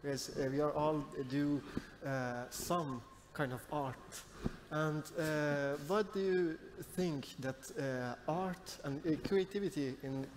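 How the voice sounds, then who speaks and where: A young man who grew up in Iran, moderating a live panel on a large stage with a headset mic, speaking in a hesitant, halting way with many fillers. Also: a little high, a little hiss or hum.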